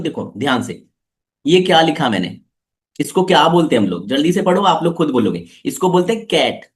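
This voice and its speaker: A man teaching a live online class for children, coaxing them with repeated questions. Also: on the high side.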